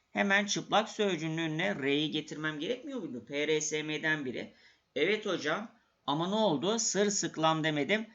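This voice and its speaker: A man's voice: fairly high pitch, gravelly, pushed and bright, muffled recording. A male teacher giving an exam-prep grammar lesson. He asks questions and answers them himself, and he repeats the key points.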